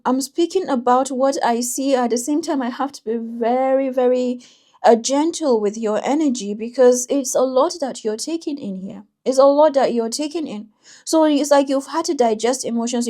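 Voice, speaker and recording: A woman doing a tarot reading for viewers, talking in a thoughtful, intuitive way with frequent pauses and restarts. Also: on the high side, dark tone. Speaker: tarot reader.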